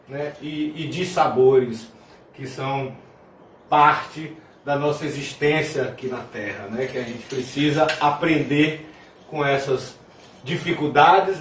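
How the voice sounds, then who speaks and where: A man's voice: on the high side, a little hiss or hum. A man teaching a video lesson on folk music, singing verses and then explaining them in a loose, chatty way. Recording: roomy, mic at a distance. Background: tambourine playing.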